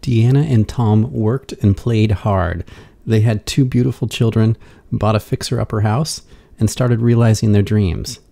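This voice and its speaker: Low dark voiced guy narrating a documentary, slow and measured. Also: fairly even intonation, creaky. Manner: measured, unhurried delivery.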